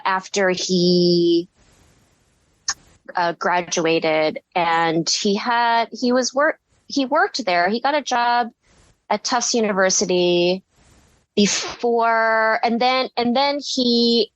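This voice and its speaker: In a casual interview, a guest ceramicist from the United States, a woman in her thirties, recounts her story with lots of fillers and frequent giggles as she rambles. She speaks at medium pitch on a rough recording with no echo.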